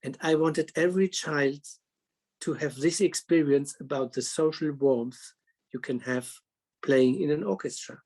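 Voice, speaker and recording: A man moderating a panel talk, speaking haltingly with many restarts and slightly non-native phrasing. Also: a little high, a little mellow.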